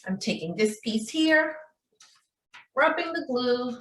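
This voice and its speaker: A woman preschool teacher demonstrates a craft for young children, speaking slowly in a high, expressive, fairly bright sing-song voice. She addresses the kids as friends and checks in with them often. She is recorded at a distance from the microphone, with roomy echo.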